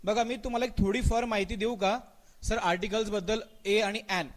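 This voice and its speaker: A man with a fairly high voice and a Marathi accent runs a live online grammar class. He quizzes students by name, answers his own questions and repeats them, and slows right down to spell out English example sentences. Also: steady tone. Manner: mixes English words into his speech, stretches out spoken example sentences.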